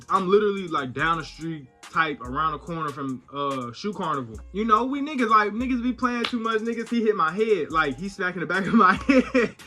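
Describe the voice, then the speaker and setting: Bright-voiced young man telling a story. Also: on the high side. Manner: slangy, animated retelling with voiced quotes. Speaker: vlogger. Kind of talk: casual storytime.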